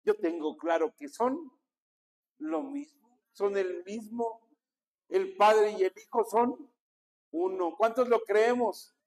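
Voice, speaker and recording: A man's voice: high voice, animated, takes it slowly, long pauses, darkish tone. A man with a Mexican Spanish accent, a pastor preaching a sermon and calling on his congregation to repeat after him. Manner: preaching with call-and-response to the congregation.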